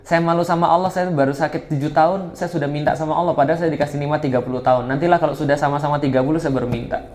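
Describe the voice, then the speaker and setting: A man voicing a long-suffering sick old prophet who speaks quietly and meekly. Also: a little high, steady tone, very fast, voice pushed down, close to an everyday voice. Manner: quiet, ashamed, meek.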